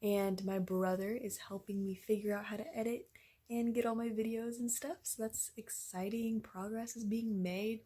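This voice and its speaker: A woman's voice: medium pitch, fairly even intonation, normal speed, mellow. Chatty young woman vlogging from home. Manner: chatty, rambling, filler-heavy. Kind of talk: casual home vlog. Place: at home, in her bedroom.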